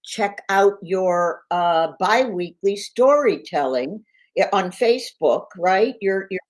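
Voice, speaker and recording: Halting female host. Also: medium pitch, expressive. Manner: halting, repeats words as she gathers thoughts. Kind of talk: livestream hosting.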